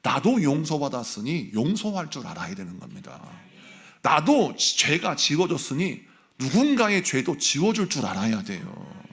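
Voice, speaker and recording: A male senior pastor delivers a sermon in a church sanctuary. His voice has a gravelly edge, and his pitch swings widely as he preaches. He drives his points home with repeated rhetorical questions to the people in front of him. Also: very animated, normal speed, fairly bright tone. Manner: emphatic preaching with frequent rhetorical questions to the congregation.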